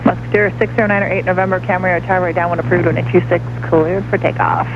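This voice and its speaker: A man's voice: sits high, level tone, very fast. A man working as an air traffic controller, heard over an aircraft radio and giving clipped, businesslike instructions. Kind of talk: rapid radio phraseology. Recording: muffled radio with engine noise.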